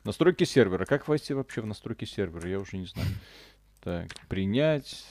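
A man streams a game and chats casually as he goes. He speaks haltingly, often muttering to himself while he figures things out. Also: fairly low pitch, expressive, darkish tone. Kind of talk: casual gaming stream chat.

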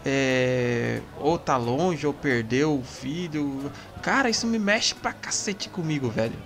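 A Brazilian man in casual podcast chat, rambling in a relaxed, slangy way. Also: mid-range voice, slow pace, soft background music. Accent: Brazilian Portuguese.

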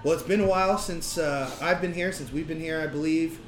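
A man with a fairly high voice hosts a laid-out casual podcast chat. The space around him is strongly echoey, and music is clearly playing behind him. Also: a little fast. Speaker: podcast host. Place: brewery, recording on location.

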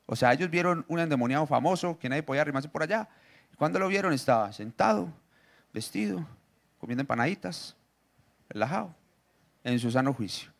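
A man preaching a sermon, reading scripture and joking with the congregation through quick questions. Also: a little high, lively intonation, gravelly. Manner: jokey, asks the audience questions, reads scripture aloud.

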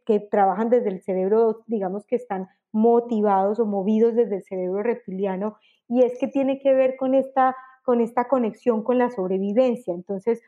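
A woman explaining personality types in a conversational interview, animated and acting out examples. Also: a little high, narrow, tinny audio. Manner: animated, acts out examples with exclamations. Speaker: enneagram guest expert.

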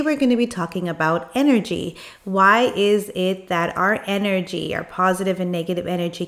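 A woman's voice: mid-range voice, reverberant. A woman hosting a podcast interview, introducing her guest in an effusive, enthusiastic way. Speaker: podcast host.

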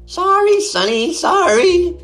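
A woman voicing a fussy female farm goose who repeats her words in a high, excited chatter. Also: slow pace, faint music behind, heavily acted.

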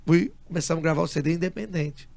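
A man speaks very quickly in a slightly high, gravelly voice. He is a guest in an interview, telling a long story with lively energy and acting out each quoted line in turn. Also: no room sound. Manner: animated storyteller who acts out quoted dialogue. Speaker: interview guest, music producer.

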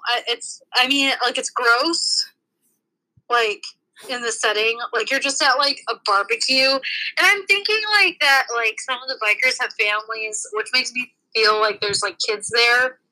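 A woman's voice: on the high side, a little slow, pushed and bright, low-quality recording. A woman co-host in casual banter, teasing and mock-indignant, peppering her talk with "like". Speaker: co-host commenting on a book.

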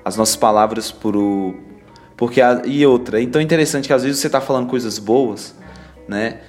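A young man with a Brazilian Portuguese accent shares a relaxed devotional reflection, chatting as if to friends and leaning on slang fillers. His voice sits at an ordinary middle pitch for a man. Soft guitar music plays faintly behind him. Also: normal speed. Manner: chatty, laid-back, heavy on slang fillers.

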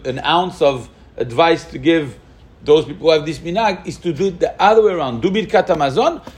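Animated man giving a Torah class. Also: a little high. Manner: animated, thinking aloud with rhetorical questions; mixes Hebrew and Aramaic terms into English. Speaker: Torah teacher. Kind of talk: halachic lecture.

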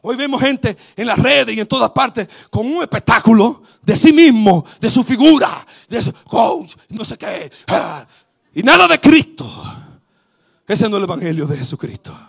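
A man preaching a sermon as bishop in Dominican Spanish, fervent and calling out to his congregation as his voice swells to shouts. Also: very high-pitched, big pitch swings, moderate pace, creaky, slightly rough. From Dominican Republic. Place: church service.

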